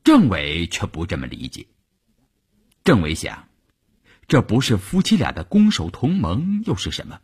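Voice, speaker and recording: A man telling a long novel on the radio in an expressive, storytelling manner. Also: a little slow, long pauses, slightly rough. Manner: expressive, swinging pitch.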